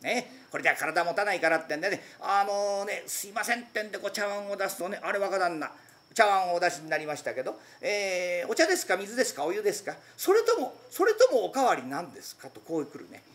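A performer doing a carefree lazy young master. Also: mid-range voice. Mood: gossipy. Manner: lively, quick, playful comic delivery. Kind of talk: rakugo storytelling. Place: former public bathhouse used as an event venue.

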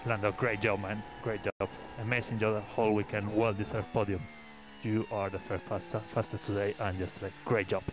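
A man on the team congratulating the driver over race car team radio, fast and warm, with a distant, noisy sound. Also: fairly low pitch, little pitch movement. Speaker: team member.

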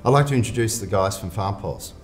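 A man presenting a farm technology video in a clear, informative way. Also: on the low side, a little fast, reverberant, faint music behind. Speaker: agricultural technology lead. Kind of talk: scripted promotional narration and interview.

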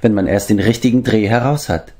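A man's voice: fairly low pitch, a little fast, a little mellow, pitched above the performer's own voice, natural voice. A man voicing a clever, sly young princess who speaks in an arch, teasing way. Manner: arch, teasing, matter-of-fact.

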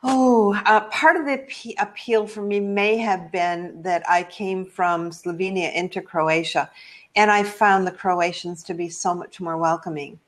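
An older American woman speaks from her living room over a headset on a video call. Her voice sits a little low, and she tells travel stories in a chatty, rambling way, with frequent ums. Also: steady tone, measured pace. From United States. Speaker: travel blogger guest.

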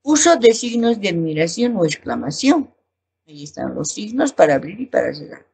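A woman teacher with a Bolivian Spanish accent, explaining a lesson slowly and reading examples aloud. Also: fairly low pitch, very animated, gravelly, a little mellow, husky. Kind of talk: recorded class lesson.

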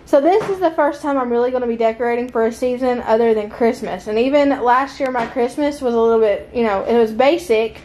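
Her pitch is fairly high and her delivery brisk, with few pauses and a little background noise. This young Southern homeschooling mom from the southern US chats animatedly and laughs a lot as she vlogs on a phone held at arm's length. The clip moves from a car to her mobile home's living room.

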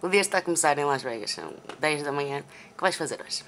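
A woman with a European Portuguese accent hosts an informal interview, firing off quick, playful questions. Her voice sits on the low side and her pace runs fast. A faint background noise sits under her voice. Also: expressive, a bit bright. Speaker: interviewer, host. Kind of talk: casual interview hosting.

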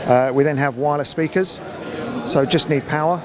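In a large indoor exhibition hall, a middle-aged account manager informally presents his company's products during a trade show interview. His voice is somewhat high and steady at a moderate pace, captured on a handheld interview mic over busy crowd noise.

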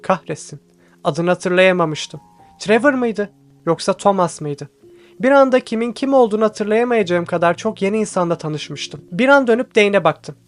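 A man reading a first-person audiobook with tense, steady storytelling. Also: high voice, moderate pace. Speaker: audiobook reader. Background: faint background music.

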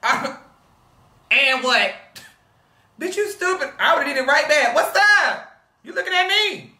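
A man's voice: very high voice, lively intonation, a little slow, sharp tone, distant mic. Brash young man reacting, roomy sound. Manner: brash, dramatic, swears and shrieks. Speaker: reaction video host. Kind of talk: loud reaction commentary.

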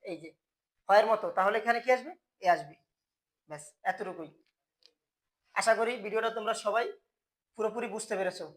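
A teacher with a Bangladeshi Bengali accent talks through a grammar lesson for school students. He keeps putting questions to the class and answering them himself, in a mid-pitched voice. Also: fairly quick, pauses often.

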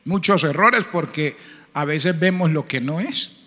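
A man preaching a sermon as pastor, telling stories with strong emotion, his voice swelling loud and then dropping to a near murmur. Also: a little high, expressive, measured pace. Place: church. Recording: church hall with long reverb.

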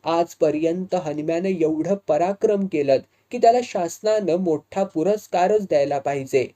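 A man voicing a drunken, needling village loafer who mocks and flatters in rough rustic speech. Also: on the high side, normal speed, close to an everyday voice. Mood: flattering.

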